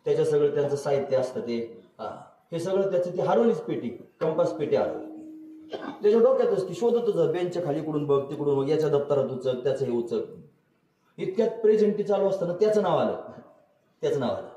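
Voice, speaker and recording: A man's voice: a little high, lively intonation, brisk, warm tone. A man preaching a devotional kirtan sermon, telling stories, asking the audience questions and chuckling now and then. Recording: echoey hall recorded from a distance, faint music.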